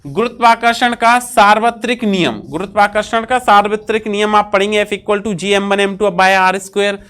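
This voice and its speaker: Smooth-voiced woman teaching, repeating herself. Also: mid-range voice, a bit bright. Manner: repeats each point and asks rhetorical questions she answers herself; fills pauses with "ठीक है" checks. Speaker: physics teacher. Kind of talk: classroom-style lesson.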